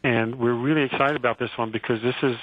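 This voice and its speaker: A man, a physician guest on a radio show, explaining a treatment in a relaxed way with many fillers and restarts. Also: medium pitch, fast, a little hiss or hum. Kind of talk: casual explanatory interview. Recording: tinny phone line.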